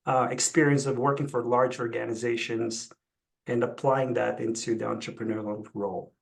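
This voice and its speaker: The interview guest here is a middle-aged chief executive from the Philippines who speaks Tagalog, recounting personal experiences conversationally. His gravelly voice is medium-pitched with little pitch movement, at a moderate pace.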